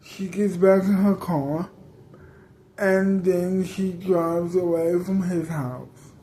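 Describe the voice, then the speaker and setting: Woman storyteller who rambles and corrects herself, with a mellow low voice. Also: steady tone, slow, poor audio. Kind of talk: improvised storytelling.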